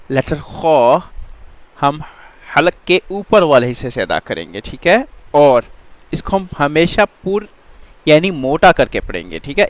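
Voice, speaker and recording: A man teaching tajweed in an online Quran reading lesson, drawing out letter sounds slowly and often checking that students follow. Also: fairly high pitch, no room sound. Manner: slow drawn-out letter drills with frequent check-ins.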